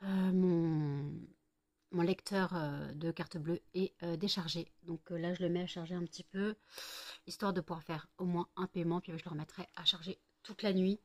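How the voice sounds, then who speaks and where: A woman's voice: fairly low pitch, fairly even intonation, normal speed, no room sound. A woman vlogger and small candle seller chatting casually late at night, rambling and repeating herself.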